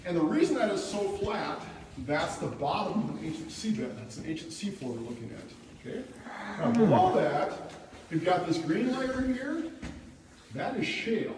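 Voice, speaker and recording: Guy doing cave guide talk, lively pitch swings, far from the mic in a big echoey cave. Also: moderate pace. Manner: instructive, addressing a group as an echoing cave guide. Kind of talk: guided tour talk with questions to a group. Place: inside a cave, group around. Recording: echoey cave, distant mic, faint noise.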